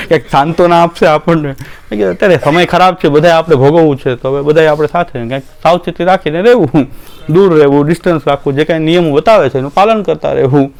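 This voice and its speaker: Guy preaching, folksy stories, smooth clear voice kinda high. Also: fast, a little mellow. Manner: folksy, acts out quoted voices, laughs often. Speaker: religious teacher. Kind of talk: devotional story discourse.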